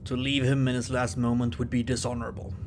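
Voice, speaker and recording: A man's voice: medium pitch, little pitch movement, quick pace, slight background noise, natural voice. A man voicing an earnest, dutiful young initiate warrior who replies formally. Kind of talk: audiobook-style story narration.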